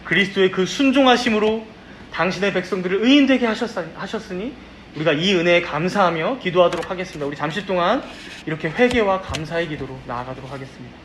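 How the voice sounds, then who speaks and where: A man, a pastor, leading his congregation in a slow, reverent, formal prayer during a Sunday service. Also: high voice, fairly bright tone, a little hiss or hum. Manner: measured, reverent, formal church diction. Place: church sanctuary.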